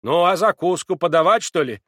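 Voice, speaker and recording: A man's voice: high-pitched, expressive, fairly quick, no room sound, clean studio sound, pitched above the performer's own voice. A man reading aloud, voicing a grumpy old housemaid who talks rudely and scolds. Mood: cross. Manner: gruff, loud, scolding.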